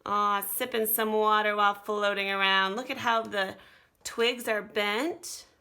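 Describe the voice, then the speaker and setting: A woman with a mid-range, sharp-toned voice speaks a little slowly in a level tone, leading children through a drawing lesson step by step. She addresses her young viewers directly, encouraging and instructing them as they go.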